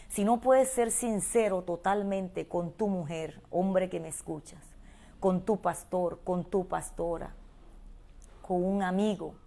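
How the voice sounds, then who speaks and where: A woman pastor delivers an emotive sermon with a lowish voice. She slips between quiet, intimate pleading and ringing, fervent calls to her listeners. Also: creaky. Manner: emotive preaching, swings from soft intimate pleading to loud calls.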